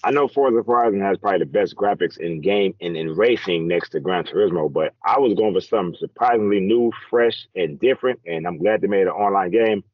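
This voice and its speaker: A man's voice: deep voice, brisk, few pauses, no echo, lo-fi sound. A man chatting casually and jokingly with friends, in laid-back slang. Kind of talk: casual chat.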